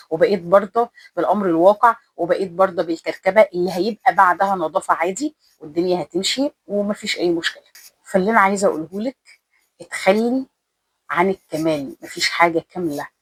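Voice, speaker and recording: A woman's voice: medium pitch, slightly rough. A woman in her thirties with an Egyptian accent, earnestly giving advice to women viewers in a casual vlog. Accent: Egyptian Arabic. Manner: earnest, repetitive, speaks straight to the listener. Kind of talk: casual motivational talk to the viewer.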